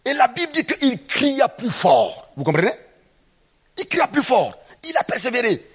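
High, lively husky-voiced preacher. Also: male voice, moderate pace. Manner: animated, acts out Bible scenes, asks rhetorical questions. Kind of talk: sermon.

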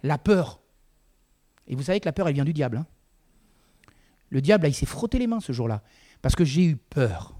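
A man's voice: on the high side, expressive, a little fast, long pauses, warm tone. A man preaching a sermon in a conversational way, with frequent asides to the congregation.

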